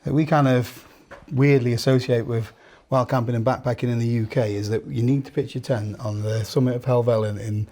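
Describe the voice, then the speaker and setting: A man's voice: medium pitch, steady tone, a little fast, hardly any pauses, dark tone. Chatty man talking camping gear. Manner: chatty, jokey, thinks aloud with restarts. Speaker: host. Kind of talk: casual gear chat.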